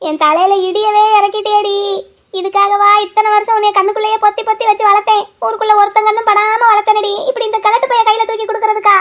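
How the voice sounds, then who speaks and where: A woman's voice: very high-pitched, flat delivery, fast, a bit bright. Fretful cartoon grandmother. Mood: scolding. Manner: wailing, pleading and scolding. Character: worried elderly grandmother, fretful and scolding. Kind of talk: cartoon voice acting.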